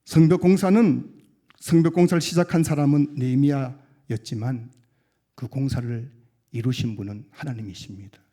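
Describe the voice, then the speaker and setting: A man pastor preaching a sermon earnestly, swelling into loud emphatic peaks and dropping low and quiet to close his sentences. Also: normal speed.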